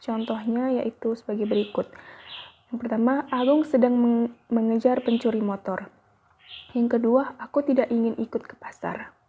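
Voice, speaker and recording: A woman's voice: on the high side, fairly even intonation, moderate pace, slightly rough. A young woman, a university student, reads a grammar lesson aloud carefully, with small slips. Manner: careful, evenly paced reading with small slips. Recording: tinny phone-like audio.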